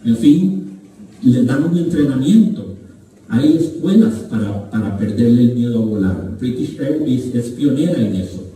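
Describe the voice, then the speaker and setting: A Costa Rican man teaching a literature class in a museum auditorium, reading passages aloud and then explaining them in animated asides. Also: medium pitch, measured pace. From Costa Rica. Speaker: humanities lecturer. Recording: echoey auditorium from far off.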